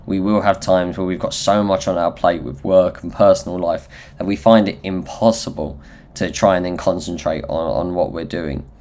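Low-pitched nasal Essex man. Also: normal speed, darkish tone, slight background noise. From Essex, England. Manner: candid, self-deprecating, sweary. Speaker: podcast host. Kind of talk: solo motivational podcast talk, informal.

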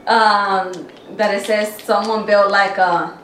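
Female podcast co-host, medium pitch, blunt and slangy casual chat, roomy recording with faint noise. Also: little pitch movement, takes it slowly, fairly bright tone, recorded from a distance. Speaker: podcast co-host reading out viewer comments. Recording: echoey room, faint noise.

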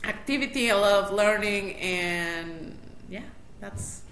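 An echoey room with faint noise frames this casual interview, where the guest, a matchmaker from Mexico City, talks with a Mexican Spanish accent. She laughs a lot and restarts her sentences, speaking slowly in a mid-range, fairly bright voice.

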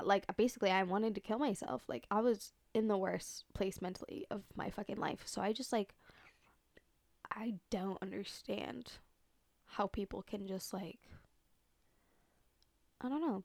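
A young woman talks alone into the mic in a casual, chatty monologue, like a podcast host. Her sentences are loose, slangy, and profane, packed with filler words and exaggerated emphasis, and her pitch sits mid-range for a woman. The recording is dry and close, with no room sound.

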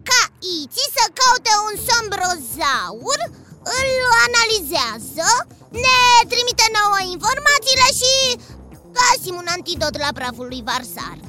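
A voice actor playing a bossy young space defender in a cartoon, giving quick orders. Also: extremely high pitch, big pitch swings, loud music behind the voice. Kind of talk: cartoon voice acting.

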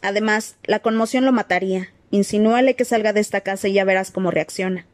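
A woman's voice: medium pitch, quick pace, no echo, natural voice. A bitter, impatient grown man, as a woman reader puts him on speaks curtly and coldly with open scorn. The storybook reading is dry and close. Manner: cold, curt, scornful.

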